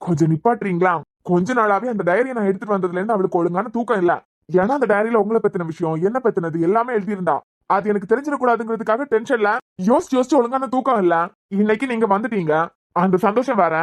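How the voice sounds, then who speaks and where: A woman voices an exasperated young man in a cartoon web series, talking fast and sarcastic with a Kanyakumari Tamil accent. Her mid-range voice sounds close and dry. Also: medium pitch, dry recording, lightly acted. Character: exasperated young man, patient but fed up.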